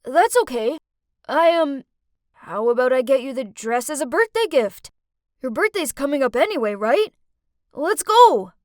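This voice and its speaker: A nervous, dorky teenage schoolboy stammers out his words with eager energy, as a woman puts him on. The voice sits high and swings up and down like a character in an animated story. The sound is dry and close. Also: a little slow, no echo.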